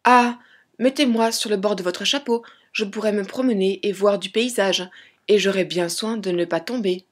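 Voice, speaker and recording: A woman voicing a tiny, clever, bold boy hero in a storybook reading, calling out in a high, eager voice. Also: moderate pace, lightly acted.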